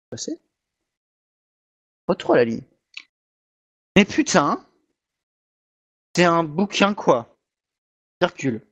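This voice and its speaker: A half-robot voice that a man puts on dictates a text word by word, calling out every comma and line break in a slow, mechanical drone. The pitch still swoops up and down, and the voice has a husky, breathy edge. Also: full character voice. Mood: deadpan. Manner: reads every punctuation mark aloud in a slow, mechanical dictation. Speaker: YouTuber. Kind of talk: comic mock-dictation reading.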